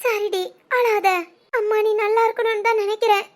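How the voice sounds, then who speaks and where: A woman voicing a worried, scolding middle-aged village mother in an animated family drama, with a Tirunelveli Tamil accent. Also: very high voice, normal speed. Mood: soothing. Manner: bitter, scolding.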